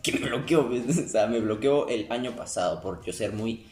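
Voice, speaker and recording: A man's voice: medium pitch, expressive, moderate pace, a little mellow. A young man chatting casually as a podcast co-host, rambling and restarting his sentences. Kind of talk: casual chat. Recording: roomy sound with faint music.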